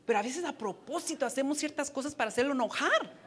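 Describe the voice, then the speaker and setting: A woman's voice: high-pitched, animated, fast talker, fairly bright tone. A woman preaching a sermon to wives, earnest and advising, with playful asides. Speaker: women's ministry speaker.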